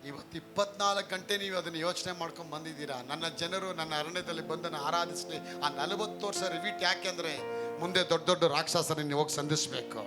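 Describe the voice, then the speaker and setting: High-pitched guy preaching live, punchy, keeps throwing questions at the crowd, music under him. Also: brisk. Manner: emphatic, asks the congregation questions. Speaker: pastor. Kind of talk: live sermon.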